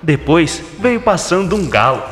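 A man narrating a scripted children's story in an expressive, theatrical way. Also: fairly high pitch, a little slow. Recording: echoey, long reverb, music behind.

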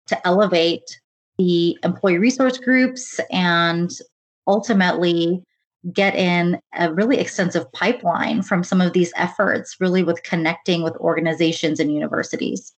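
A woman from the United States speaking in an interview about her work leading diversity and inclusion, earnest and measured, often saying "really" and "kind of.". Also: lowish voice, fairly even intonation. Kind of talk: conversational interview.

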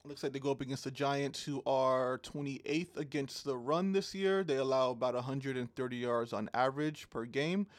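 In a dry recording, this fantasy football co-host chats about sports in a relaxed way, peppering his talk with ums and teasing team banter. He keeps a medium, steady pitch at a normal speed and pauses only rarely.

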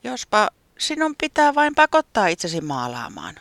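A storyteller voicing an eager, boastful weather creature in a children's storybook, squeaky and loud. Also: gravelly, no room sound, heavily acted. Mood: excited. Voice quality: squeaky, shouty and excited. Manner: pushy and boastful. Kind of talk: storybook character voice.

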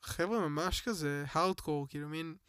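A man with a fairly high voice tells a personal story in an easygoing, rambling way, full of filler words. He drops into louder acted-out quotes of other people. The sound is dry and close, with little room in it. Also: clean tone, no room sound. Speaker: guest telling personal stories. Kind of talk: casual storytelling chat.

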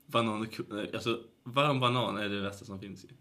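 A man's voice: fairly low pitch, steady tone, pushed and bright. A man with a Blekinge accent chatting casually and jokingly as a podcast co-host.

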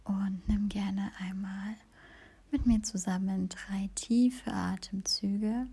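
A woman hosting a podcast, whispering a slow, soothing guided meditation. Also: medium pitch, steady tone, dark tone, husky.

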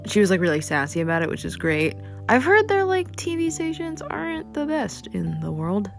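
A woman's voice: medium pitch, very animated, normal speed, gravelly, faint music behind. A young woman hosting a casual solo podcast, rambling with lots of fillers and casual swearing. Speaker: podcast host.

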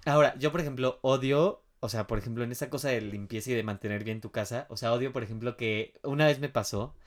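A man's voice: mid-range voice, quick pace. A man with a Mexican Spanish accent co-hosting a podcast, talking in a chatty, emphatic way and readily agreeing with his co-host. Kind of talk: casual chat.

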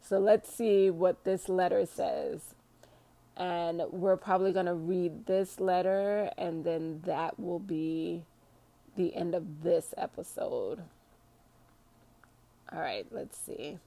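Chatty woman reading aloud, slow and dark. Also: fairly low pitch. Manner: excitable, chatty, stumbles over hard words. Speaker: podcast host reading a history book aloud. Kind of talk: reading aloud with casual asides.

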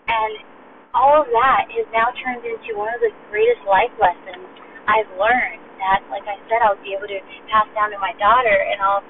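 A young woman, a new mother, speaking earnestly in a rambling personal monologue full of fillers and restarts. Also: on the high side. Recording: tinny phone-like sound, distant from mic, car noise behind.

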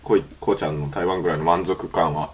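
A man's voice: deep voice, quick pace, a crowd in the background. A man telling a story animatedly in a casual chat among friends. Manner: animated storytelling, Kansai dialect. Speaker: podcast co-host.

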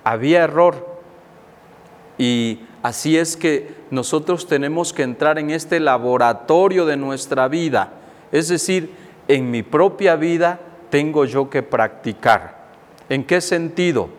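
A man, a Franciscan friar, gives a slow, reflective sermon on scripture and acts out inner dialogues as examples. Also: fairly high pitch, in a large hall.

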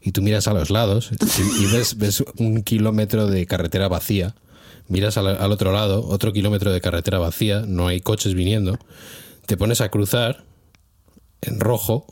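A man with an accent from Spain co-hosts a casual chat, tossing out playful exaggerations and laughing between them. His voice sits fairly low. The sound is dry and close, with no room echo. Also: big pitch swings, unhurried, a little mellow. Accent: Spanish from Spain. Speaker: podcast co-host.

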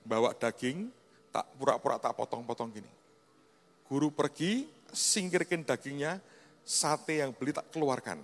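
A man with a Javanese-tinged Indonesian accent, preaching a sermon as a pastor and telling stories with lively, acted-out voices. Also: medium pitch, moderate pace, long pauses. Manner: animated storyteller, acts out quoted voices. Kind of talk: sermon storytelling. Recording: long reverb in a large hall with faint music.

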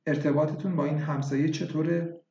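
A man reading a story voices a doctor who asks measured, probing questions. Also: on the high side, flat delivery, warm tone, close to an everyday voice. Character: calm questioning male doctor. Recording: echoey, dull lo-fi recording.

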